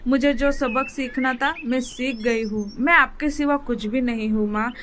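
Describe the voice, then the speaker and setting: A woman's voice: high voice, fairly even intonation, moderate pace, a bit bright, a little hiss or hum. A woman voicing a young, headstrong girl sparrow in a cartoon story, lightly pleading. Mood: relieved.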